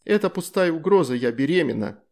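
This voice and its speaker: A man's voice: a little high, expressive, a little fast, vocal fry, darkish tone, pitched above the performer's own voice. A man voicing a playful, teasing demoness wife and mother in an audiobook story.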